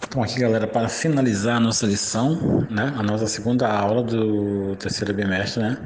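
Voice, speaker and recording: Male teacher, low voice, step-by-step explanations, echoey room, faint background hum. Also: fairly even intonation, fairly quick. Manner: explains step by step, many "né" and "tá" tags. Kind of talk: recorded English grammar lecture.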